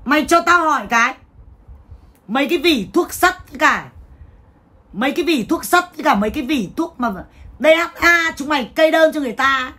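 Woman livestream seller, high voice, foul-mouthed, ranting. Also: fairly bright tone. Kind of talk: livestream sales talk.

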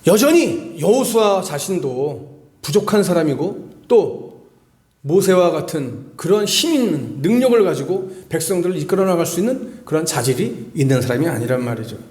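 High-voiced pastor preaching in an echoey hall. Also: male voice, very animated, moderate pace, darkish tone. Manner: asks the congregation questions and repeats phrases for emphasis. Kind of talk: sermon.

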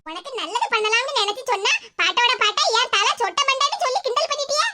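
Woman voicing a bossy scolding old busybody, Kanyakumari accent, squeaky high cartoon voice, noisy recording. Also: lively intonation, quick pace. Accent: Kanyakumari Tamil. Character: bald old woman friend, bossy plotter.

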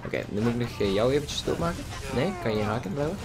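A man's voice: mid-range voice, lively intonation, quick pace, music in the background. A man giving casual let's play commentary, chatty and jokey, teasing the game's characters. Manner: jokey, chatty, mocking the game. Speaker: gaming YouTuber.

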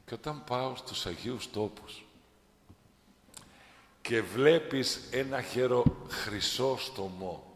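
Priest guy preaching, low voice, goes quiet then loud, big echoey church w long reverb. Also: a little hiss or hum. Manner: impassioned, swings from hushed to shouting. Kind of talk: sermon.

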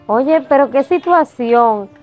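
A woman's voice: sits high, expressive, takes it slowly, a little mellow, soft background music. A woman playing a sympathetic friend who sighs at others' troubles and moralizes about them. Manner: sympathetic, sighing. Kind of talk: amateur drama acting.

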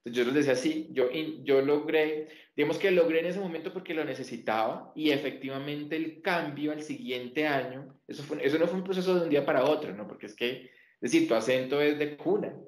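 A man from Colombia with a neutral Colombian accent, talking as an interview guest and telling animated stories with many restarts. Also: fairly high pitch, a little fast, echoey room. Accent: neutral Colombian Spanish. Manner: animated storyteller with many repeated words and restarts. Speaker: interview guest, teacher trainer. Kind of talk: casual interview chat.

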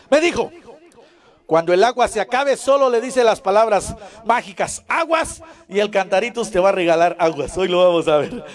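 A man with a very high, squeaky clown voice leaps all over his range as he performs for a crowd of children. He is playful and laughs often as he calls out to them. Faint music plays behind him. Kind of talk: live clown show for children. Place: live show before an audience of children.

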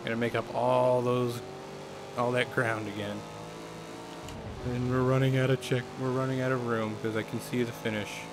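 A young man plays a racing game for his YouTube channel, offering casual, filler-heavy commentary. His mid-range voice is hoarse from a cold, shows little pitch movement, and moves at normal speed over the loud noise of the game's cars.

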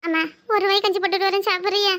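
A woman voicing a fussing, caring older village mother-in-law in a cartoon, speaking with a southern Tamil Nadu accent and giving orders fast. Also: very high-pitched, little pitch movement, bright, forceful tone. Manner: bossy, fast, scolding yet tender. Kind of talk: cartoon voice acting.

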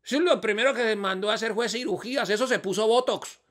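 A Colombian man telling jokes in an animated, repetitive storytelling manner. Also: high voice, fairly quick. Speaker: comedian. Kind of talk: joke telling.

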